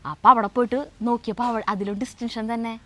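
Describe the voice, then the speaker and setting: A middle-aged woman tells a story in a relaxed, chatty way. She uses many fillers and stops to correct herself. Her voice sits a little high, and she talks in a home kitchen. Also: racing. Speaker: co-host of a family cooking vlog. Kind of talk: casual storytelling.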